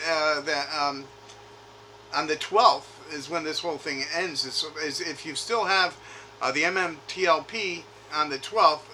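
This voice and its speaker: On a recorded phone call, a male retail investor talks informally as the caller, pressing his questions and often rephrasing as he goes. His voice is fairly high, pushed and bright, captured on a makeshift device grabbed during the call, with faint noise.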